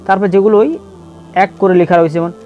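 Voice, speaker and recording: A man teaching letter pronunciation in a slow lesson, patiently repeating and drawing out each sound for students to follow. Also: sits high, steady tone. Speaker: Quran reading teacher. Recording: dull lo-fi with faint music.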